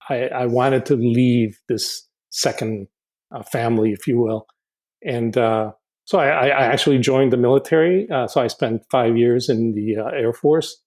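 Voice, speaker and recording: On a relaxed podcast, a man from Honduras in his sixties talks in a mid-range voice with a somewhat dark timbre. He pauses thoughtfully, often stumbling, starting over and repeating words while he works out what to say.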